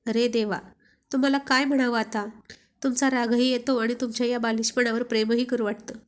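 A woman's voice: a little high, flat delivery, a little fast, lightly acted. A woman voicing a shy, loving young wife who speaks bashfully and affectionately. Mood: bashful, teasing.

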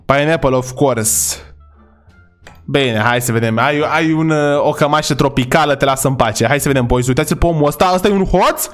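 A man giving casual, chatty gameplay commentary. He talks to his viewers as his brothers and boys, and often yells excitedly at the characters in the game. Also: a little high, hardly any pauses, soft background music. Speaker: gaming YouTuber.

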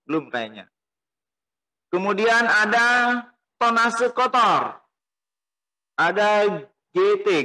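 A middle-aged man lectures with a high, ringing voice, working through each point and asking questions he then answers himself. He sits at a desk mic in a small room, gesturing while he talks. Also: sharp tone, poor audio. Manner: explanatory, asks and answers his own questions. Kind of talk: recorded lecture. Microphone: desk mic on stand.

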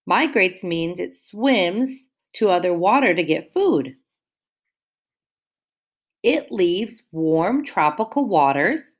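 A woman teacher with a lowish voice reads aloud from a picture book for little children. She goes slowly and patiently, breaking off to define new words and quiz the kids, her voice bouncing up and down in a cheerful sing-song.

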